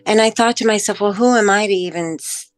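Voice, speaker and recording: A middle-aged woman telling her own near-death story in a personal testimony, emotional and halting, with pauses and fillers. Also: medium pitch, no room sound, faint music behind. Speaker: near-death experience witness.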